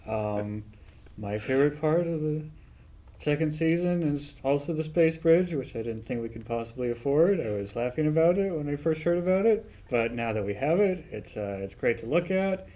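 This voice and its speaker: A man with a mellow, dark voice talks about his show in a loose, rambling way. He leans on you-knows and uhs as he circles around his point. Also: medium pitch. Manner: rambling, many fillers. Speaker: actor. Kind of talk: casual podcast chat.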